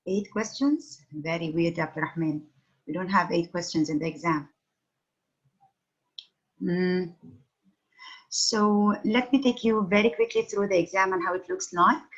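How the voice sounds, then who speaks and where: A middle-aged woman teaches an online English class over a phone video call, patiently asking her students questions. Her voice is on the low side, and she speaks unhurriedly with frequent pauses. The call audio is dull and lo-fi.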